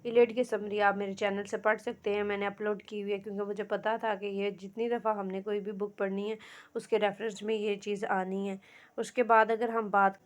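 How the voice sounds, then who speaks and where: A woman's voice: mid-range voice, level tone, moderate pace. A young woman, giving a patient lecture on English literature, mixing Urdu and English and counting syllables aloud.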